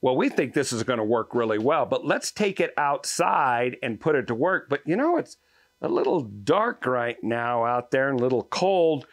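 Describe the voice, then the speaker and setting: A man's voice: medium pitch, very animated, moderate pace, dry recording, clean studio sound. Folksy older man reviewing farm tools. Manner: folksy, explanatory, hands-on demonstrating. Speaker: tool reviewer, channel host. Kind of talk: casual product review. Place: garage workshop, then outdoors on a farm yard.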